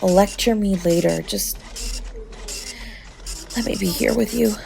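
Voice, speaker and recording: This woman voices a protective young lover in an intimate audio roleplay: sharp-tongued but tender, affectionate in a blunt way, and halting when feelings surface. She speaks at medium pitch with some vocal fry, in a soft, earnest mood.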